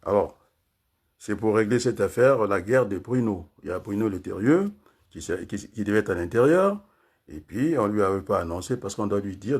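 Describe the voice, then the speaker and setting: Older man, husky, lively pitch, rambling talk with lots of tag questions. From Congo. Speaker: political commentator. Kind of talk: casual political talk.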